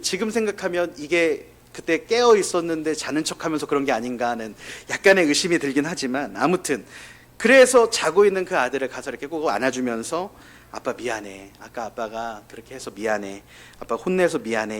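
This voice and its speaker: A male pastor giving a conversational sermon, telling candid personal stories and speaking straight to the congregation. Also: a little high. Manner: candid, confessional storytelling that addresses the congregation directly.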